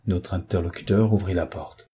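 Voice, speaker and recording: Low, husky male audiobook narrator. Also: steady tone, normal speed, dark tone. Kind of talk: scripted narration.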